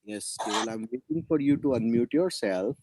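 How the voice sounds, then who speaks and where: A man's voice: mid-range voice, animated, moderate pace, noisy background. A man teaching children over a video call, encouraging them and repeating his praise and questions. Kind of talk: online children's class.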